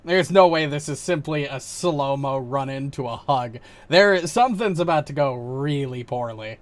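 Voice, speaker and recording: A man streaming a video game, reacting excitably, laughing and swearing freely. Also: mid-range voice, normal speed. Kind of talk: live game commentary.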